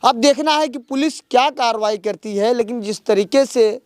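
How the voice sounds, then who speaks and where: A man's voice: very high-pitched, normal speed, clean tone, dry recording, studio quality. A male local news reporter, questioning a grieving family outdoors in a village, then delivering an urgent, accusing report. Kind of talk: field interview and report.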